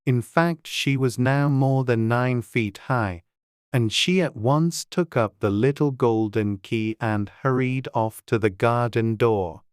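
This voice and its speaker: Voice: mid-range voice, takes it slowly, clean tone, no room sound, studio quality. A narrator reading a children's storybook as a scripted audiobook.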